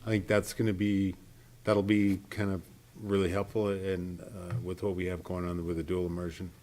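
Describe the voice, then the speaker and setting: A man's voice: deep voice, flat delivery, moderate pace, a little mellow. A man serving as a school board trustee, asking questions in a rambling, hesitant way that corrects itself. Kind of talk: questions at a public meeting. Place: boardroom meeting.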